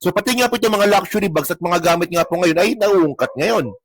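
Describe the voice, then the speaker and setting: A man's voice: high voice, brisk, dry recording. Sarcastic male commentator, dry sound. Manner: sarcastic and profane. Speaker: political commentator host. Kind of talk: casual commentary reacting to clips.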